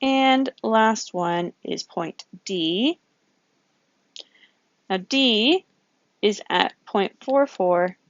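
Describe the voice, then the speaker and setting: A woman's voice: medium pitch, expressive, extremely slow, long pauses, no room sound, dull audio. A woman teaching a recorded geometry lesson, working problems aloud, counting grid squares and correcting herself as she goes. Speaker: math teacher.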